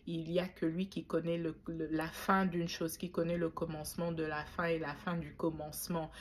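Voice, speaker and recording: With some background noise behind her, a Belgian woman in her forties talks to camera in a casual YouTube video. Her voice is low and level at a normal speed, and her reflective, faith-inflected musings are full of fillers and restarts.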